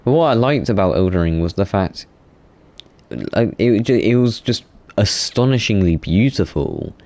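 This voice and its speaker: Young man, late teens, very low pitch, casual gaming monologue, rambling with fillers. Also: lively intonation, normal speed, darkish tone. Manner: rambling, self-correcting, many fillers. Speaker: gaming YouTuber.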